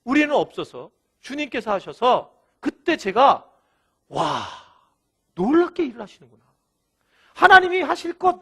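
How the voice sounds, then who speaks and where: Korean pastor guy preaching, high light voice, bouncy storyteller vibe. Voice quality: thin, light voice. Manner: animated storytelling preacher, acts out quotes. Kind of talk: sermon.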